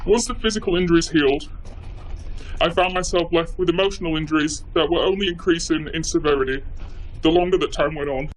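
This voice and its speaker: A woman reading a victim impact statement, her voice distorted and pitched down to disguise her identity, in a measured, even delivery. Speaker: crime victim giving a court statement.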